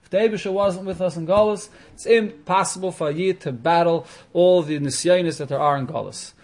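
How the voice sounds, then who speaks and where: A man's voice: high-pitched, brisk, darkish tone. A man explaining religious texts in an informal lesson, posing questions and answering them as he goes. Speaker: teacher of a Talmud class.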